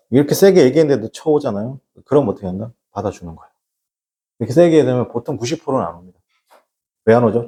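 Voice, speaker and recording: A man's voice: medium pitch, creaky, warm tone. A man lecturing a class on exam English, blunt and scolding, who keeps throwing rhetorical questions at his students. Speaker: English lecturer for transfer exams.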